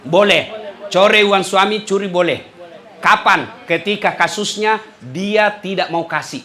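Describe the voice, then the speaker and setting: A man preaching a humorous sermon, acting out dialogues and swinging between shouting and soft asides. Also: sits high, measured pace. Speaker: Islamic preacher. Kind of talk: lively sermon to a crowd. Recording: crowd and faint noise behind.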